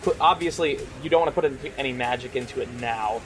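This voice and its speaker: A man's voice: medium pitch, fast talker, over music. Laid-back male dungeon master. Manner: loose, chatty, frequent fillers and laughs. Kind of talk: narrating a tabletop game.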